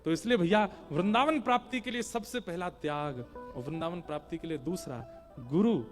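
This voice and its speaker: A man preaching a devotional sermon in an animated storytelling style, acting out the people in his story. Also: a little high, moderate pace, music in the background. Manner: animated, breaking into song and acting out characters.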